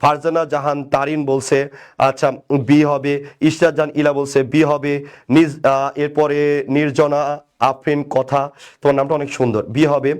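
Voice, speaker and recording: A man's voice: on the high side, flat delivery, a little slow, darkish tone, clear, resonant tone. Chatty Bangladeshi man teaching grammar. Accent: Bangladeshi Bengali. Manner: conversational, asks and answers his own questions, repeats "right?"; banters with commenters by name. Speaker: English teacher. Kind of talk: live online grammar class.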